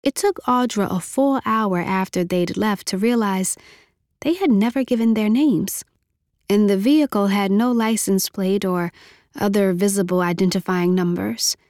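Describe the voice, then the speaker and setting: A woman reading a novel aloud as narrator, in steady, measured storytelling. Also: medium pitch, no room sound, studio quality. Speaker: audiobook narrator. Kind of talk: scripted narration.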